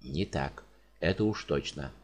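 A man voicing a frightened, grumpy middle-aged male patient, speaking low and quiet. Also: very animated, unhurried. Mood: glum.

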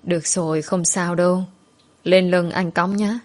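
Woman reading a gentle protective schoolboy. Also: lowish voice, steady tone, unhurried, lightly acted. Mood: reassuring. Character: protective young schoolboy, older brother.

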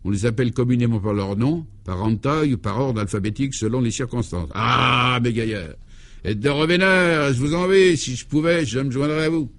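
A man's voice: fairly quick, fairly bright tone, close to an everyday voice. A man voicing Clovis du Tilleul, an eccentric, jovial 64-year-old former priest, in an old-style French radio comedy, fatherly and exuberant. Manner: exuberant, fatherly, talks up high.

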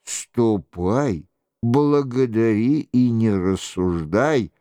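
A man voicing a sardonic jester who barks low, mocking orders. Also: expressive, drawn-out words, dark tone, no echo. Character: sardonic male jester, gruff and commanding.

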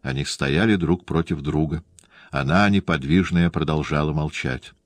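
A man narrating a literary novel in a measured, even storytelling voice. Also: a bass voice, no room sound. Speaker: audiobook narrator.

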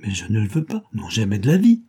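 A man voicing a disguised detective playing a grumpy, haughty gentleman who grumbles curtly. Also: fairly low pitch, huge pitch swings, quick pace, exaggerated voice. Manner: gruff, grumbling, curt.

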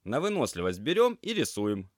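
A man reading an audiobook, voicing a cheeky young male cat student who teases his friends in a loud, lifted voice. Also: medium pitch, wildly swooping pitch, moderate pace, dry recording, studio quality, voice pushed up. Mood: teasing. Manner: teasing, boisterous.

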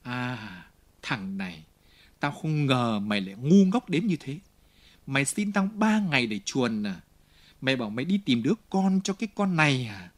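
A brutal police inspector who barks his orders with open contempt, as a male audiobook reader puts him on. The voice is a little husky and swings widely in pitch. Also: big pitch swings, unhurried, exaggerated voice. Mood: harsh contemptuous. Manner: barking, contemptuous, shouting orders. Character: harsh brutal police inspector, middle-aged man.

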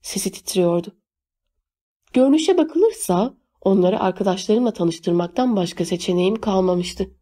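A woman reads a first-person novel aloud in a measured, steady voice. Her tone is mellow and warm, with a rounded, unhurried storytelling delivery. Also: medium pitch. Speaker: audiobook narrator.

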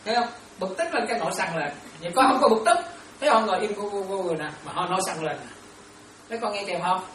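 A Buddhist nun delivers a dharma talk, often stopping to ask her listeners whether they follow. Her woman's voice swings widely in pitch. The sound is distant and roomy, with faint ambience behind it. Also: animated, fast talker, fairly bright tone, slight background noise. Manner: questioning listeners often, repetitive. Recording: echoey room, distant mic.

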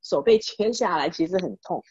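A woman's voice: on the low side, animated, normal speed, a little mellow, husky, dry recording. A woman voicing a proud young monk who pleads for teaching, in a dull, dry recording. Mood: pleading. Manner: pleading, boastful then anxious. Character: proud young monk turned desperate disciple.

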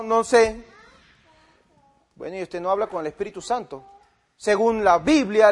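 A man preaching, retelling an argument with another pastor and quoting both sides of the dialogue. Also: extremely high pitch. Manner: retells a debate with quoted dialogue, swinging from loud to quiet. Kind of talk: sermon-style storytelling.

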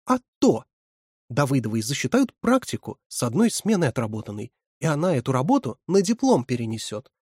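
Male narrator doing a stern young female counselor, high and loud, husky, scolding. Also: sing-song, a little fast, no echo, clean studio sound, exaggerated voice. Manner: scolding, commanding.

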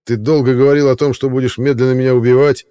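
A cool, sarcastic man taunting his captor with dry irony, as a male reader puts him on. The voice sits a little above the reader's own, dark and mellow. An audiobook character reading. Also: medium pitch, level tone, fast, smooth, voice pushed up, natural voice. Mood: ironic. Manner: dry and ironic. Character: cool, sardonic male captive, calmly taunting.

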